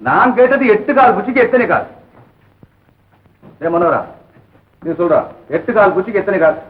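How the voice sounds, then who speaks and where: An actor playing a stern older uncle who quizzes and lectures the boys in a scolding manner, in a 1960s film. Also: male voice, sits high, lively intonation, moderate pace. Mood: lecturing. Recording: thin, phone-like old film soundtrack.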